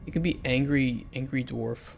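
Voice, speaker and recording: A man with a raspy voice giving casual gameplay commentary and chatting with viewers as he searches, muttering and swearing now and then. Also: mid-range voice, normal speed, soft background music. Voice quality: raspy, gravelly. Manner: mutters and swears while searching, rambling chat. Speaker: game streamer and indie developer.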